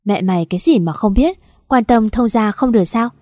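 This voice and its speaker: A woman's voice: fairly high pitch, expressive, fairly quick, warm tone, no echo, clean studio sound. A woman voicing a curt older mother-in-law. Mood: brusque. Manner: blunt and curt.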